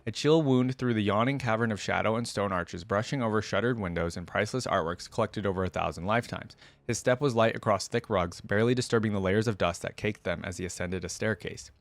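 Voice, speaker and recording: A man hosting a reaction video reads a fantasy story aloud expressively, tossing in casual asides. He speaks quickly in a fairly low voice, with no room sound.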